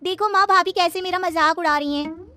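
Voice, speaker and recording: Scheming young sister-in-law. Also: female voice, very high voice, brisk, sharp tone. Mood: sulky. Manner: whiny, scheming.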